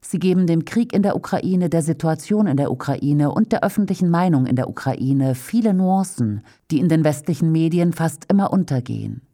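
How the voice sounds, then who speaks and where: Low, mellow woman reading a translated interview. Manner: reads each speaker's name before their turn, even and measured. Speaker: voice-over translator.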